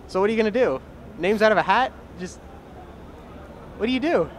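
A young man hosts a mock news segment with a handheld mic on an outdoor plaza. He teases strangers in a slightly high voice, with deadpan timing. Faint city traffic runs underneath. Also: fairly quick. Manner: cheeky, teasing, deadpan jokes. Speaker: comedy show host and street interviewer. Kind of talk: mock news comedy, man-on-the-street interviews.

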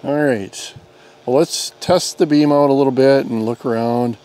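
Recorded outside on an open lawn with background noise, a fifties-aged American man reviews and demonstrates a drone in a plain, conversational manner. His mid-range, darkish voice keeps fairly even intonation at a normal pace.

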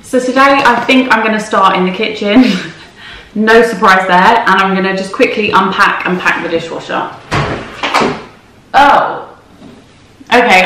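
A woman in her thirties, a casual home cleaning vlogger, chats in a mid-range voice for a clean-with-me video, self-mocking as she moves and tidies through her kitchen and other rooms. Her camera mic is handheld at times and set on the counter at others, picking up an echoey, roomy kitchen sound and background noise.

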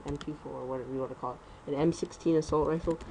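Young dude rambling fast over his game, warm mellow voice, faint hum behind. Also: a little high, steady tone, gravelly, poor audio. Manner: rambling, fast, self-correcting. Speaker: gaming commentator. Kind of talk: casual gameplay commentary.

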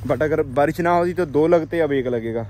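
A man's voice: fairly high pitch, brisk, darkish tone, slight background noise. A man with a Punjabi accent, a farmer vlogger narrating and reflecting on how his season is going. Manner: reflective, explains his farming choices.

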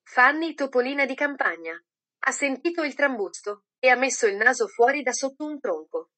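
A woman reading a children's storybook aloud in a gentle, measured way. Her voice sits a little higher than most women's. The delivery is calm, steady and scripted. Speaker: audiobook narrator.

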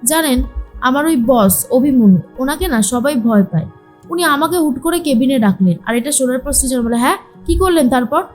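A woman's voice: high-pitched, animated, moderate pace, darkish tone, soft background music. A woman narrating a recap of a TV serial, retelling the scenes and quoting each character's lines with light voice shifts.

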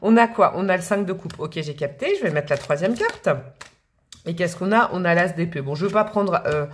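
Woman, tarot reader, lowish voice, chatty and rambling to camera. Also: normal speed, slight background noise. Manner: chatty, rambling, with fillers and laughs.

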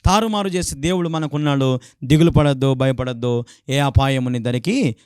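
A male pastor with a Telugu accent from Andhra Pradesh preaches a sermon, acting out quarrels in raised voices and fervently calling out "hallelujah." His medium-pitched voice is darkish and clean, with fairly even intonation and a normal pace. The studio-quality recording has no room sound.

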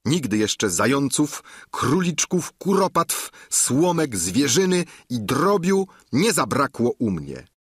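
Man voicing an excuse-making innkeeper, lively, husky, audiobook. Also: mid-range voice, takes it slowly, no echo, clean studio sound, voice pushed up, exaggerated voice. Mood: evasive. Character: evasive boastful innkeeper, man. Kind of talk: audiobook reading.

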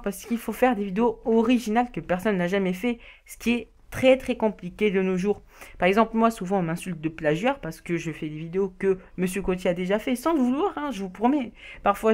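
A woman talks over her own gameplay footage, reading tips from a notepad at an even, middling pitch. She trips over words, repeats herself and laughs at her slips. It sounds like a home mic recording. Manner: hesitant, stumbling, restarts and laughs at own slips. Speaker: YouTuber giving beginner tips. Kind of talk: casual tutorial voice-over read from notes.

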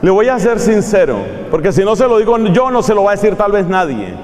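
A man's voice: high-pitched, sing-song, fairly quick, darkish tone, slight background noise. A man preaching a sermon in a playful, teasing manner, drawing out emphatic phrases. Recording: echoey hall with long reverb.

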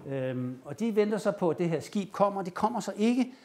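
A man giving a lecture, telling a story with animated retelling and acting out the quoted lines. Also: sits high. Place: lecture room.

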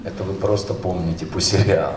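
Here the seminar speaker, a middle-aged dubbing director, has a deep, slightly mellow voice with fairly even intonation and a quick pace. He wanders through his talk with fillers and false starts, handheld mic in hand on a big hall's stage. Filmed from the audience, the audio sounds distant and echoey.

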